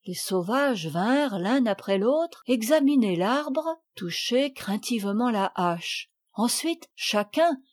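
Expressive woman reading a storybook. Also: on the high side, takes it slowly, hardly any pauses. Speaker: audiobook reader. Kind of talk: scripted narration of a children's novel.

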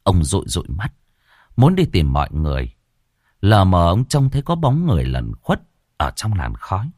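A man narrating a horror story in an expressive storytelling manner. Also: deep voice, moderate pace, dry recording, studio quality. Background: faint background music.

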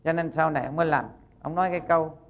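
A Buddhist monk, giving a sermon as folksy storytelling and acting out the characters' lines. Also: male voice, a little high, steady tone, rapid-fire, muffled recording.

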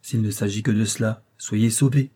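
A man's voice: fairly low pitch, steady tone, moderate pace, mellow, natural voice. A man voicing an idle, very rich nobleman. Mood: eager.

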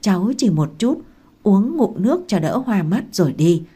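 A woman reading aloud and voicing a meek young pregnant daughter-in-law who asks softly and pleads. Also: mid-range voice, very animated, moderate pace, breathy edge. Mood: pleading. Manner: soft, pleading, curious.

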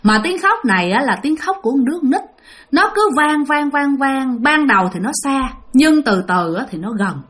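A woman's voice: fairly high pitch, very animated, fairly quick, hardly any pauses, a bit bright. A woman narrating a ghost story in a conversational way, talking straight to her listeners. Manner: conversational, addresses listeners directly.

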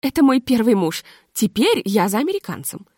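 A woman's voice: on the high side, big pitch swings, a little fast, a little mellow, husky, no room sound, studio quality. A woman voicing a brash, hearty guest in an audiobook story. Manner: hearty, bossy.

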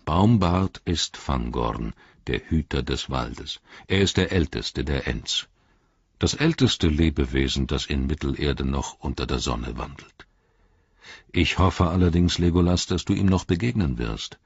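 Man reading Gandalf, a deep gravelly old wizard. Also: lively intonation, a little slow, no echo, lo-fi sound, exaggerated voice. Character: old wise male wizard, wry and grave. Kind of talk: audiobook reading.

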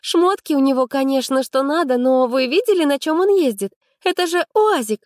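A woman reading an audiobook, voicing a cynical, sharp-tongued young female student with a scornful, mocking tone. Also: sits high, fairly quick, dry recording, studio quality, voice pushed up, lightly acted.

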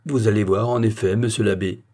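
A man voicing a calm, stubborn village philosopher who argues point by point in an audiobook reading. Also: on the low side, fairly quick, close to an everyday voice. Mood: firm. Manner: calm, almost gentle, arguing point by point.

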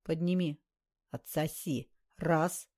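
A woman's voice: deep voice, steady tone, slow pace, mellow. A woman voicing a cold, mocking male killer who taunts in short lines.

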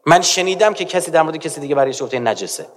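A male preacher with a fairly high voice, lecturing emphatically and pressing the audience to pay attention. His speech swings between quiet asides and raised points. It rings with a long reverb from a large hall. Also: lively intonation. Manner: emphatic, keeps urging the audience to listen. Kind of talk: religious lecture.

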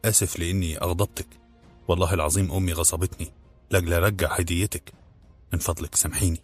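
A man's voice: sits low, steady tone, fast talker, husky, faint music behind. A man voicing an anxious young man who stammers and pleads. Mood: pleading.

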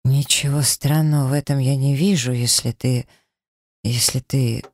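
A man reading a romance audiobook, voicing a confident man in love who speaks softly and reassuringly. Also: mid-range voice, steady tone, moderate pace, dry recording, clean studio sound, natural voice. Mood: tender. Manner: soft, warm-hearted and reassuring.

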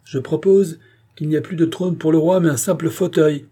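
A man reading aloud voices an insistent male revolutionary deputy with raised, emphatic delivery and a husky tone. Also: medium pitch, animated, moderate pace, mellow, voice pushed up. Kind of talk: audiobook reading.

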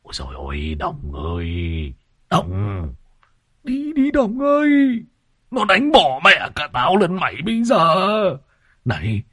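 Brief: nervous old man, voiced by a man, jumpy pitch. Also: huge pitch swings, fairly bright tone, breathy edge, dry recording, clean studio sound, full character voice. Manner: hurried, nervous pleading. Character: old man, jittery, urging flight.

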